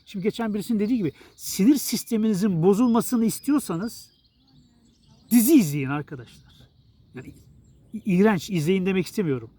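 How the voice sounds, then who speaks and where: Blunt, exasperated man with a high voice. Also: lively intonation, a little fast, warm tone, breathy edge. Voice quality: blunt, exasperated, rambling with restarts. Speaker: journalist and writer. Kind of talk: casual monologue to viewers.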